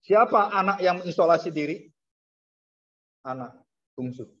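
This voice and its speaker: A husky, slightly high male voice preaching a sermon with big swings, climbing high when he acts out fear and sinking to hushed, grave tones for solemn points. The recording sounds dull and lo-fi. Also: lively intonation, a little slow. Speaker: pastor.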